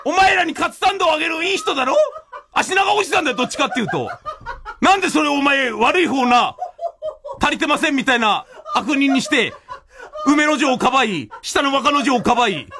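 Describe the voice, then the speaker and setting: High, lively man ranting in laughter. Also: brisk, background noise. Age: 40s. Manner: laughing mock-indignant rant. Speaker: storyteller hosting a listener show. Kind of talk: casual chat.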